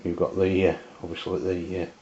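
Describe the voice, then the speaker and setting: With a deep, mellow voice that barely shifts in pitch, a man from England demonstrates radio equipment without a script, hesitant and plain in his wording. A dull, lo-fi camera microphone picked him up, along with slight background noise.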